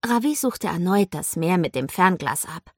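A woman narrating a children's adventure story with calm, even storytelling. Her voice has a soft, breathy quality. It is recorded close on the mic in a dry, dead room. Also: on the low side, normal speed, no room sound. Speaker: audiobook narrator.

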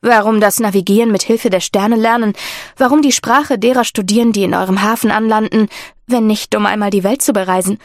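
A woman voicing a courteous female officer serving as royal envoy, measured and formal. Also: medium pitch, fairly even intonation, dry recording, clean studio sound, close to an everyday voice. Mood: thoughtful.

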